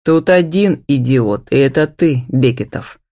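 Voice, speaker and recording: A woman's voice: extremely low pitch, unhurried, mellow, exaggerated voice. Woman doing a growling hot-tempered husband. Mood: gruff. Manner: growling, curt. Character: gruff protective young husband, hot-tempered.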